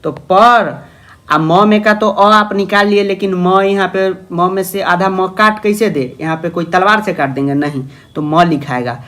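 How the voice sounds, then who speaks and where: A man's voice: high-pitched, fairly even intonation, a little slow, sharp tone. A young man teaching grammar in an online lecture, affectionately calling students "babu" and asking their questions himself.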